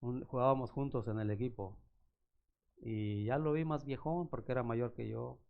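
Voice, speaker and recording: A man's voice: medium pitch, normal speed, gravelly, phone-quality sound. A male pastor, preaching a sermon through personal stories and acting out the voices of the people in them. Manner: animated storyteller acting out voices. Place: church.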